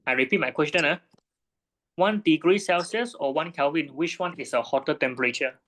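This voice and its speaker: A man's voice: fairly high pitch, fairly quick, a bit bright. A man tutoring a student one-on-one in physics, patiently checking her understanding with frequent tag questions.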